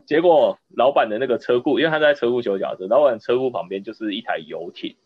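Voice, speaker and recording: A man from Taiwan hosts a relaxed podcast conversation, slipping into lively storytelling. His voice is a little husky and sits in a middle register, recorded with a dull, lo-fi sound. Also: mid-range voice, fast, no echo. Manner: storytelling, animated when recounting anecdotes. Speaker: podcast host. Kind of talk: casual interview chat.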